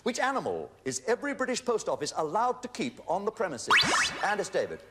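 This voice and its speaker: Animated, high-voiced male bingo-caller game show host. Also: a little fast. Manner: jokey, bantering with contestants; bingo caller patter, calling out numbers with their nicknames. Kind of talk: bingo-style TV quiz hosting with comic one-liners. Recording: noisy old TV studio recording, loud audience. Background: laughing studio audience.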